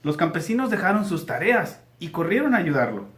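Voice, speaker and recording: A man's voice: high-pitched, big pitch swings, a little fast, a bit bright. A male teacher, reading aloud to young pupils in a patient, guiding way. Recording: echoey room.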